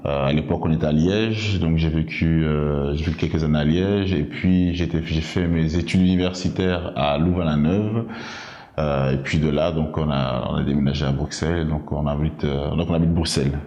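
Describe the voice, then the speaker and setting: A man in his thirties from Congo with a very low, mellow voice. He answers slowly and haltingly, stopping often to restart his sentences. The room around him sounds echoey. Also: steady tone, lo-fi sound. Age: 30s. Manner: halting, many fillers and restarts. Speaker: interview guest, local politician. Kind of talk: hesitant interview answers.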